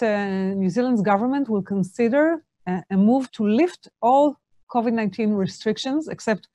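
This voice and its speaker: A woman interviewing guests, asking long questions with many pauses and fillers. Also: on the high side, a little mellow, dry recording.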